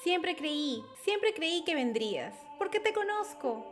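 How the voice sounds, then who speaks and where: A woman voicing a gentle young girl who is a forest sage, reading her lines softly and sincerely over game music. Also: extremely high pitch, big pitch swings, slow, exaggerated voice. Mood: tender.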